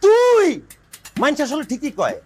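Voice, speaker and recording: A man plays a cocky, hot-tempered street shoe seller in a comic skit. He uses loud, rhyming sales patter. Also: extremely high pitch, rapid-fire, soft background music. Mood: quarrelsome. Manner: brash rhyming hawker patter, loud and quarrelsome. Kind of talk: comic short-drama acting.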